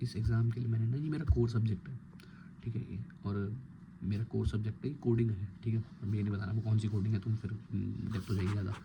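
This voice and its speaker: A young man in his twenties, a college student, talks quietly and rambles in a casual late-night vlog at home, recorded close on a phone. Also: on the low side, lo-fi sound, noisy background. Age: 20s. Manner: hushed, rambling, self-mocking. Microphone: phone held close.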